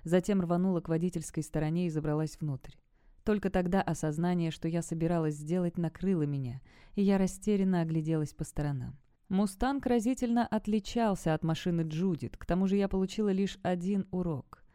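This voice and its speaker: Woman audiobook narrator, low and mellow, tense first-person storytelling, close mic. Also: fairly quick, smooth, dry recording.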